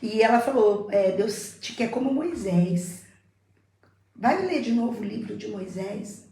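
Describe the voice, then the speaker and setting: A woman's voice: mid-range voice, expressive, a little slow, dark tone, roomy sound, poor audio. A middle-aged woman in casual chat, telling an emotional faith testimony and repeating herself for emphasis. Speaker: guest.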